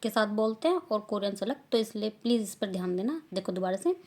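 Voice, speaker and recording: An Indian woman teaching a language class with slow, deliberate explanations, stressing each syllable loudly in repetition drills. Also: mid-range voice, expressive.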